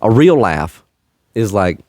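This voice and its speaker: A man's voice: on the low side, big pitch swings, slow pace, a little mellow, no room sound. A man hosting a faith-based podcast, talking in an earnest, slightly preachy way and chuckling often. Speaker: podcast host. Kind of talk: faith-based casual chat.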